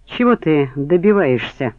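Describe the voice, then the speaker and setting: A man's voice: fairly high pitch, sing-song, measured pace, dry recording. A man reading the part of an edgy, defensive man suspected of murder, snapping irritably. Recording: tinny phone-like band, dry.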